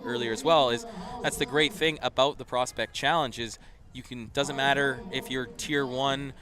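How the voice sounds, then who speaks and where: A male play-by-play voice at an outdoor stadium, a live crowd heard behind him. He talks in loose, rambling asides between plays and jumps up into shouting when a runner breaks free. It sounds like a livestream from the stands. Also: mid-range voice, moderate pace. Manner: chatty and rambling, rising to excited shouts on big plays. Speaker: play-by-play commentator. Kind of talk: live football commentary.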